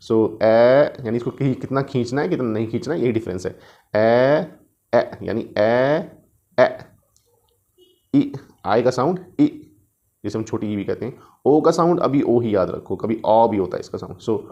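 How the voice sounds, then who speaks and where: A man's voice: fairly low pitch, warm tone. A man teaching spoken English, switching between Hindi and English and repeating each point in both languages. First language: Hindi or Urdu. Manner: sounds out letters slowly and drawn out.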